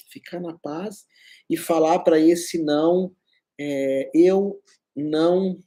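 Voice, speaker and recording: Middle-aged São man, holistic teacher; dark, mellow, slightly raised voice; emphatic repetition. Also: fairly high pitch. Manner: emphatic, repeats key phrases. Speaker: astrologer and holistic therapist. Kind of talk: spiritual self-help talk.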